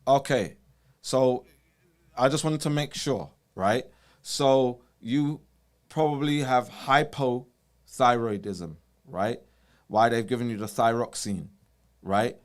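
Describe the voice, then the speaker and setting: A man's voice: mid-range voice, takes it slowly. A man hosting a wellness consultation over a video call, explaining things in a casual way and often checking in with "you know" and "right?". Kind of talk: casual advisory chat.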